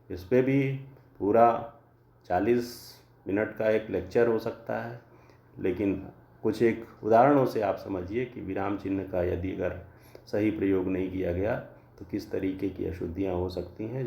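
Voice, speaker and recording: A man lecturing on grammar at an unhurried, measured pace, his low voice gravelly and dark. He works carefully through one example after another, and the sound carries a roomy echo. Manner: slow, deliberate explaining with examples. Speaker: Hindi grammar teacher. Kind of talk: classroom lecture.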